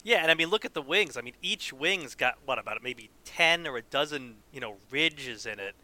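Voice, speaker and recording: Bright-voiced man saying "you know" a lot. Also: mid-range voice, lively intonation, moderate pace. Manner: says "you know" constantly. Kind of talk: casual film discussion.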